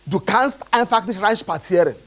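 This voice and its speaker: A man's voice: high-pitched, animated, normal speed. A man from Nigeria, preaching a sermon as pastor and often checking in with his congregation.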